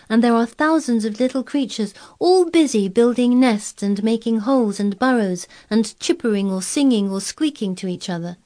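A woman's voice: mid-range voice, mellow, voice pushed up, lightly acted. A woman reading aloud, voicing a blunt, contrary girl who speaks earnestly and stubbornly. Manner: obstinate, earnest, eager describing.

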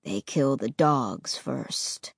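A woman reading aloud voices a dead boy ghost, speaking in a low, flat, hushed tone. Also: very slow, creaky, slightly rough, dry recording, studio quality, full character voice. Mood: low menacing.

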